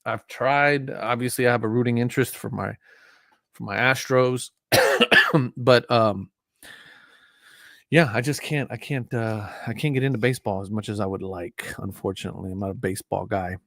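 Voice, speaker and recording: A man's voice: medium pitch, fairly even intonation, moderate pace, gravelly, a bit bright, no echo, clean studio sound. A man in his forties chatting casually on a live stream, rambling with many fillers and restarts. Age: 40s.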